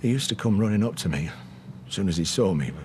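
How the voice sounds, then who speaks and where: An actor playing a troubled, plain-spoken older grandfather with a northern English accent in a TV soap, talking haltingly. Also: lowish voice, lively intonation, a little mellow, a little hiss or hum, close to an everyday voice. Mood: anguished. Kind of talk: TV soap dialogue.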